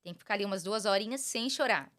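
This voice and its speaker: A woman in her thirties from Brazil, a teacher and mother, chatting as an interview guest and telling animated stories while often calling the host by name. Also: mid-range voice, quick pace. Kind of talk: casual interview chat.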